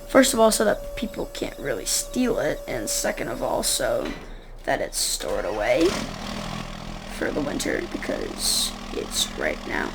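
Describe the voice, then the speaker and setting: Role-play shop owner, casual narration; pitch leaps all over, self-correcting ramble. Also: vocal fry. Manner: rambling, often restarting and correcting themselves. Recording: noisy recording.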